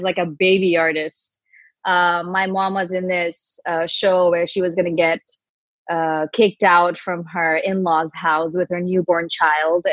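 A woman from Bangladesh talks casually as an interview guest, full of "uh" and "like". Her voice is somewhat low for a woman. The sound is dry and a little dull. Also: no room sound. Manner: chatty, self-deprecating, many fillers. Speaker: guest, actor and artist.

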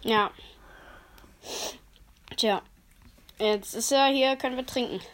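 Young woman w/ a pretty high voice, giggly and slangy, making fun of herself. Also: slow pace, a bit bright. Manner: giggly, self-mocking, slangy. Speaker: podcast co-host. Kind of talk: casual chat, New Year quiz.

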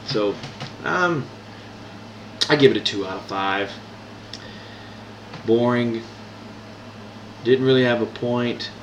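A man's voice: medium pitch, takes it slowly, pauses often, slight background noise. A man hosting a podcast, giving a casual movie review with frequent ums and restarts. He has no proper microphone, so his voice sounds echoey. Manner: hesitant, many ums and restarts. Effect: echoey room sound. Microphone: no proper microphone, built-in device mic. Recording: echoey room, voice far from mic.

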